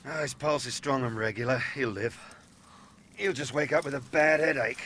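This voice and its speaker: A man speaking in a brisk, commanding way to a group. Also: mid-range voice, a bit bright, a little hiss or hum, close to an everyday voice.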